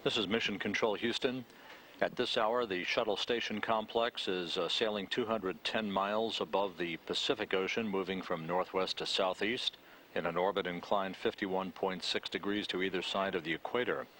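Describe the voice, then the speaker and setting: A man giving live mission control commentary in a measured, formal announcer manner with pauses. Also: low voice, fairly even intonation, fairly bright tone, slight background noise.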